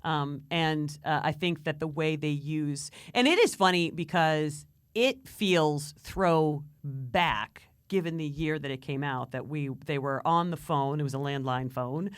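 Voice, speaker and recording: A woman co-hosting a podcast in a casual, rambling way, her voice pitched on the low side. She talks with bursts of animation and plenty of restarts. The sound is dry and close. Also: a little slow, hardly any pauses, clean tone, dry recording. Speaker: podcast co-host. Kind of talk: casual chat.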